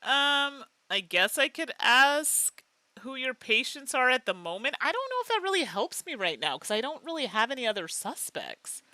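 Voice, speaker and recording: A woman streaming a mystery game live, chatting with her viewers and laughing often in an animated way. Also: sits high, normal speed, no echo. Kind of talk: live game playthrough chat.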